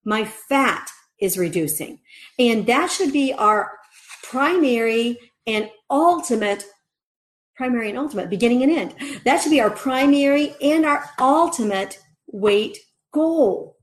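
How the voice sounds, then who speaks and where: A woman's voice: sits high, expressive, unhurried. A woman teaching a casual fitness lesson, chatty, who thinks aloud and repeats her key phrases for emphasis. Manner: chatty, thinks aloud with fillers and self-corrections. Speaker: fitness coach.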